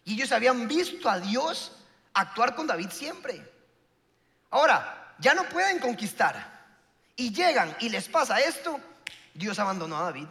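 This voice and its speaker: A pastor preaches with a strikingly high, bright voice that swings up and down with energy. He tells the story in an emphatic way, with acted-out quotes. A long reverb from the hall trails behind his words. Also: big pitch swings, unhurried, pauses often. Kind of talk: sermon.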